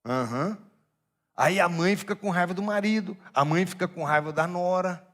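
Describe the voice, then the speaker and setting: A man with a high voice preaches a sermon at a moderate pace, swinging between hushed asides and shouted emphasis. He puts direct questions to his congregation.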